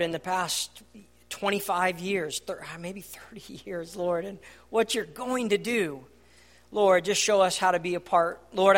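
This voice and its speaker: A man's voice: sits high, fairly bright tone, long reverb tail. A man leading his congregation in a fervent prayer, speaking with a repetitive prayer cadence. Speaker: pastor.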